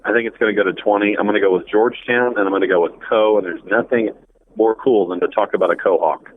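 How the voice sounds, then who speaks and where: Over a dull phone line with faint noise, a sports commentator on the show talks fast about sports and shares his predictions in a casual way. His voice is fairly low and steady in tone.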